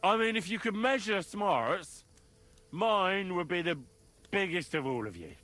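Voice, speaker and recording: An actor playing a boastful, quick-tempered young man who swears freely. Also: high-pitched, lively intonation, bright, forceful tone, no echo, heavily acted. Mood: bragging. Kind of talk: game voice acting.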